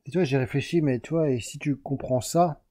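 A man's voice: on the high side, a little fast, dark tone. A French man explaining casually to the viewer as he draws a chart, rambling and correcting himself along the way. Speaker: self-help video host. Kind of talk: casual explanatory monologue while drawing a chart.

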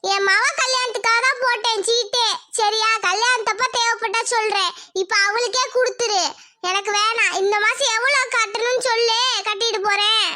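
A woman's voice: extremely high pitch, fairly even intonation, pushed and bright. Woman voicing a bossy village mother. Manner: brisk, scolding.

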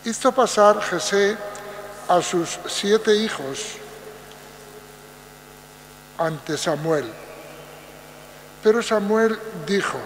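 An older man reading a Bible passage aloud from a church lectern, very slow and measured. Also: sits high. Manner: very slow, measured, deliberate phrasing. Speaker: lay reader. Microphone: lectern mic. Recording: roomy church echo, long reverb, faint mains hum.

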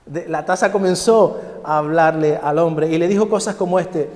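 A man's voice: a little high, moderate pace. A male pastor, preaching a sermon and telling a story. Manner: storytelling, animated. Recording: echoey hall.

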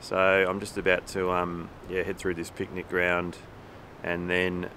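Low-voiced man hiking outdoors. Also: monotone, unhurried, bright, forceful tone, slight background noise. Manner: easygoing, meandering, with many fillers. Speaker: hiking vlogger. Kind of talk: casual walking commentary. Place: windy mountain forest trail outdoors. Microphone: camera held at arm's length. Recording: background music over outdoor audio. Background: clear music.

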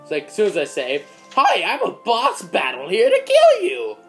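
A teenage boy with a high, creaky voice, at normal speed with faint music behind, casually commentates his gameplay as a let's play host. A phone films him in a dim room in front of a screen, and he's excitable, yelping when he gets hurt.

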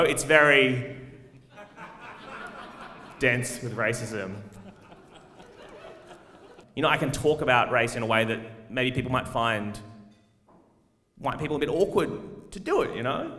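A man's voice: medium pitch, pushed and bright. A man giving a sarcastic, swearing stand-up comedy debate speech in a large hall. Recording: echoey hall, live audience.

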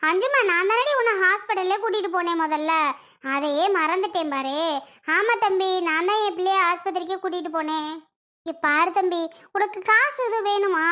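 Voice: very high voice, pushed and bright. A performer doing a pleading older mother. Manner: begging, repeats herself. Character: older village mother pleading for her daughter. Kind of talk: Tamil cartoon drama dialogue.

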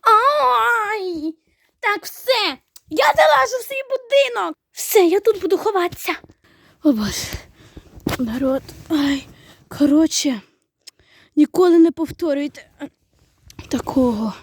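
Woman vlogger, very high, lively voice; scared, slightly hoarse, shrieks then whispers. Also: slow, pauses often, no room sound. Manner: frightened, swings between shrieks and hushed whispers. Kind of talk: playful spooky Halloween vlog.

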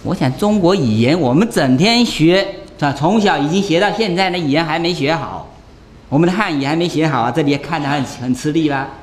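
A man's voice: fairly high pitch, brisk. A man, a Buddhist monk, giving a conversational dharma lecture, talking in a chatty way and often tossing rhetorical questions to his listeners.

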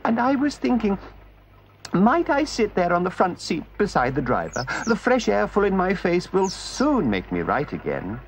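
A man reading a story aloud and voicing a boastful, reckless male toad disguised as a washerwoman, in a high squeaky voice. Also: wildly swooping pitch, normal speed, slight background noise, heavily acted. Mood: feeble wheedling.

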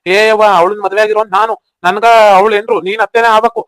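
A man's voice: high voice, little pitch movement, fast talker, a bit bright, smooth, no echo. A man voicing a stubborn young village man. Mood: insistent. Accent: North Karnataka Kannada. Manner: stubborn, insistent. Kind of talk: cartoon voice acting.

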